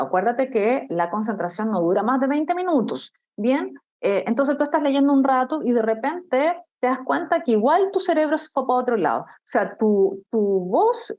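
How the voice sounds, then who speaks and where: A woman's voice: high-pitched, darkish tone. A middle-aged woman with a Chilean accent, giving a lesson on study techniques and often checking in with her students. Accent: Chilean Spanish. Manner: explanatory, addresses students directly with frequent checks. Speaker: teacher. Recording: dull lo-fi recording.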